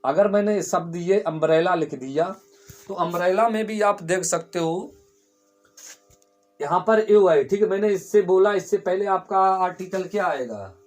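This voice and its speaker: A man's voice: sits high, moderate pace. A male teacher giving a classroom grammar lesson, explaining step by step and repeating key words, often asking the class a question and answering it himself.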